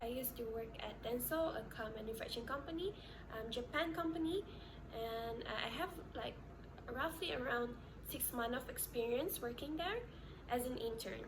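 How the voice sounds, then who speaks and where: A woman's voice: a little high, moderate pace. A woman in her twenties, a student guest, rambling with fillers. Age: 20s. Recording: noisy background.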